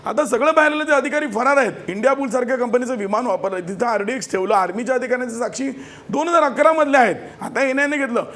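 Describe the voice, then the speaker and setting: A man with a very high voice argues his side on a televised panel debate. He speaks fast and combatively, pressing accusations and talking over the others. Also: a bit bright.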